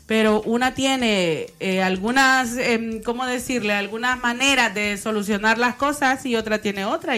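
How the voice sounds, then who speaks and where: A woman's voice: fairly high pitch, a bit bright. A woman speaking earnestly and personally in a Bible study conversation, reading verses aloud and sharing her own experience.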